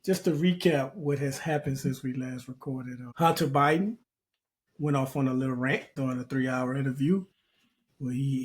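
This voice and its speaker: A man co-hosting a barbershop-style podcast in casual chat, loose and joking with slang. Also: mid-range voice. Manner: loose, joking, uses slang like bro and fam. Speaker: podcast co-host.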